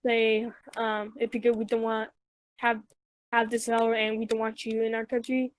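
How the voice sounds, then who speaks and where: Brief: young woman from Mexico, high voice, rambling podcast co-host. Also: completely flat delivery, normal speed, slight background noise. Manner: rambling, tangent-prone, full of fillers. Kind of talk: casual chat.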